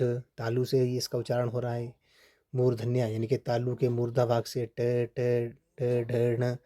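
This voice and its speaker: A man teaching a Hindi grammar lesson for exam preparation, steady and repetitive, often checking in with "ठीक है". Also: medium pitch. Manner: steady, repeats points with frequent "ठीक है" checks.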